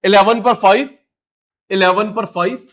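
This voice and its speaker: A middle-aged man teaching a live online class, animated and coaxing, repeating key words to his students. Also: high voice, unhurried.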